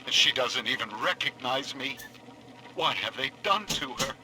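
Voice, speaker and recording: An actor playing a desperate father searching for his lost daughter, speaking in a halting, distraught way in a video game. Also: medium pitch, lively intonation, close to an everyday voice.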